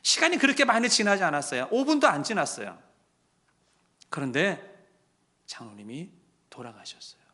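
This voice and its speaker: A man preaching a sermon in a bright, forceful voice with a fairly high pitch. He tells a story and swings from quiet, hushed lines to loud, impassioned ones. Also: very animated, normal speed, pauses often. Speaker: pastor.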